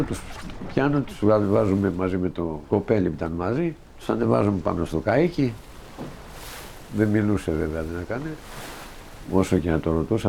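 A man's voice: low voice, vocal fry, warm tone, slight background noise. A middle-aged man from Greece telling a first-person story from his past in a plain, vivid way, quoting the people involved. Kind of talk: spoken first-person recollection.

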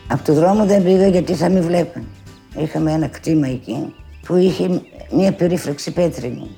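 Gravelly older woman telling a story. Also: low voice, faint music behind. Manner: animated retelling, acting out quoted speech with many asides of "she says". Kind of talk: personal oral storytelling.

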